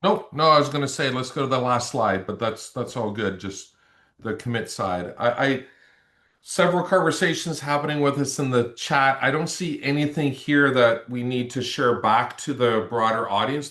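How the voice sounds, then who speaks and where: A Canadian-accented man wraps up a webinar in a motivational tone, urging his listeners on in short bursts. His voice comes through a video call with a noticeable roomy echo. His pitch sits in a middle range. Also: normal speed, fairly bright tone. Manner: upbeat, rallying, short exhortations. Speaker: webinar co-presenter, sales executive.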